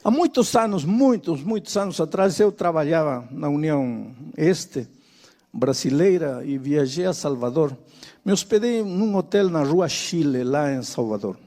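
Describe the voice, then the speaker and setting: Older man, preacher, non-native speaker, high voice, very lively pitch, dramatic storytelling. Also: unhurried. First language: Spanish. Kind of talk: sermon.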